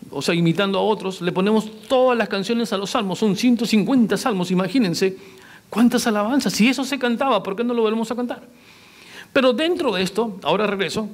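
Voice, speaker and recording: A male pastor preaching a sermon, asking the congregation question after question and acting out the lines he quotes. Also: high voice. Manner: acts out quoted lines in varied voices.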